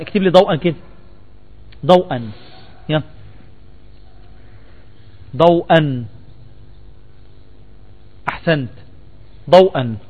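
A man's voice: a little high, a little mellow, muffled recording. A man with an Egyptian Arabic accent teaching a spelling lesson, asking the class questions and repeating their answers.

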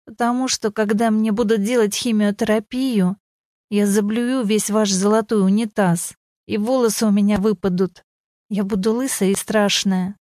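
A middle-aged woman who speaks bluntly and with grim resignation, voiced by a woman narrator. Her voice is mellow and dark in a dry, close recording. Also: mid-range voice, steady tone, normal speed, no echo, lightly acted.

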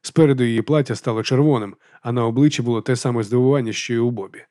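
Brief: male audiobook narrator, mid pitch, steady reading, very dry studio sound. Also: very fast, dry recording.

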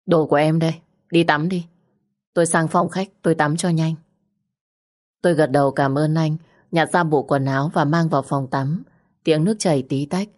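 Low-voiced woman narrating a story. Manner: steady, reflective storytelling. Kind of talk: first-person story narration.

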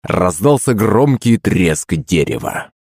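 A man's voice: low voice, big pitch swings, slow, gravelly, a little mellow, slightly rough, no echo, clean studio sound. A man narrating a first-person audiobook. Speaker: audiobook reader.

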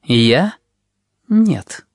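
A man reading aloud, voicing a contemptuous teenage boy in a slow, drawn-out way. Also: medium pitch, very animated, vocal fry, darkish tone, no echo, clean studio sound, full character voice.

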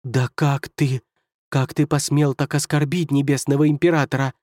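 A man voicing a shrill, pompous male first advisor at a celestial court who shrieks and sputters with outrage. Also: level tone, moderate pace, darkish tone, dry recording, lightly acted. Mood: outraged. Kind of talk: audiobook character voice.

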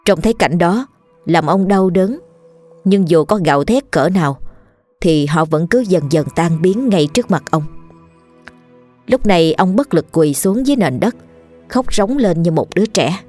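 Low-voiced woman telling a ghost story. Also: a little slow, faint music behind. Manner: steady storytelling, voices characters.

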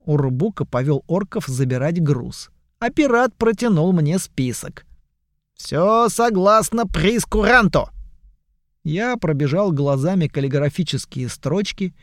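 A man narrating a story in the first person, measured and wry. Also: on the high side, lively intonation, a little mellow, no echo, studio quality. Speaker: audiobook narrator.

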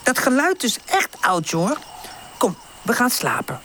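A woman's voice: on the high side, sing-song, unhurried, a bit bright, a little hiss or hum, voice pushed up. A woman voicing a drowsy, self-assured female cat in a children's storybook. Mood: knowing. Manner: drowsy and knowing.

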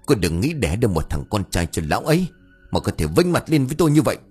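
A man's voice: mid-range voice, big pitch swings, fast, darkish tone, husky. A man voicing a shrewish, jealous older first wife who scolds shrilly and wails theatrically. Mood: scornful. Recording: faint background music.

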